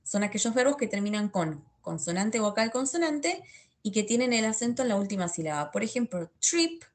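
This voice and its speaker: A woman's voice: a little high, sing-song, brisk. A woman teaching an online English class, explaining step by step and often checking in with a questioning "sí?". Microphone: computer mic in an online class.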